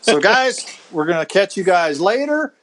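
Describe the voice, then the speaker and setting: A man's voice: high voice, sing-song, moderate pace, fairly bright tone, poor audio. A man hosting a casual podcast over a video call, easygoing and chatty, laughing often and restarting his sentences. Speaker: podcast host. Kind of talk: casual chat.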